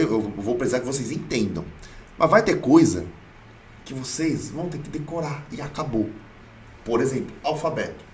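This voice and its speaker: Emphatic Brazilian teacher in an echoey room. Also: male voice, a little high, distant mic. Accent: Brazilian Portuguese. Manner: emphatic, blunt, playful, repeats himself. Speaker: Korean teacher. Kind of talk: online language lesson.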